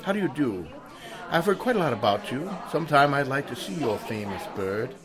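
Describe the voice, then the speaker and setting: A man's voice: medium pitch, animated, brisk, music in the background, a crowd in the background, natural voice. An actor playing a suave, mocking male mystery vigilante in a 1930s-style radio drama, with a theatrical, menacing delivery. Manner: theatrical, menacing laugh, hypnotic intonation.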